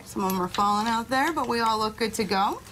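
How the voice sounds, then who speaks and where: A woman's voice: fairly high pitch, fast. A young woman chef demonstrating a recipe in a TV studio kitchen, explaining steps in a friendly way and laughing easily. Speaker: chef guest. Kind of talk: cooking demonstration. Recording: clear noise of sizzling pan. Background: frying sizzle.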